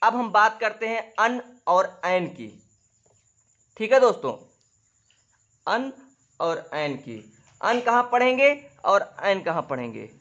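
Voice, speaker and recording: High-voiced, slow Hindi grammar teacher. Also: male voice, sing-song, a bit bright, dull audio. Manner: repeats "dosto" and "theek hai" constantly, drawing on a board; slowly spells out example sentences word by word. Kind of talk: classroom-style grammar lesson.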